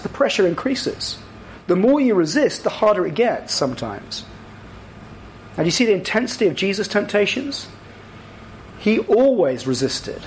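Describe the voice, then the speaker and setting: A man preaching a sermon, earnest, lifting his voice higher when he acts out quotes. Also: slight background noise, poor audio. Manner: earnest, rises to higher, louder voicing for acted quotes.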